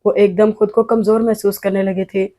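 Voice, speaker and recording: A woman reading a romance novel aloud as narrator, in a measured, even way. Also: medium pitch. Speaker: audiobook narrator.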